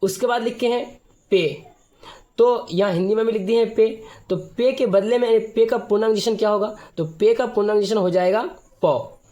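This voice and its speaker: A man teaching the alphabet step by step, patient and repetitive, now and then clearing his throat. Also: sits high, moderate pace, dark tone.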